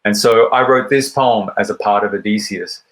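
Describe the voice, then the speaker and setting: A man telling an old myth as a lesson in resilience, thoughtful and measured, with deliberate pauses. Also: fairly low pitch, fairly bright tone, poor audio. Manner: recites poetry in a raised, rhythmic voice. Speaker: poet and speaker. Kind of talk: reflective storytelling talk.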